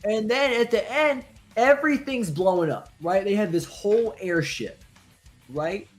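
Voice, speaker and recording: A young man in casual chat during a gaming stream, ranting in an animated, worked-up way. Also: high-pitched, measured pace, soft background music.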